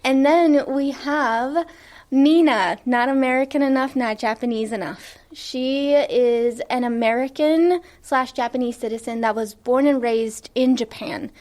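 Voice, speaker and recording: A woman's voice: high-pitched, a little slow, a little mellow. A woman in her late twenties, a podcast founder, talking enthusiastically as a radio guest with frequent fillers and giggles. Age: late 20s. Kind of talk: radio interview.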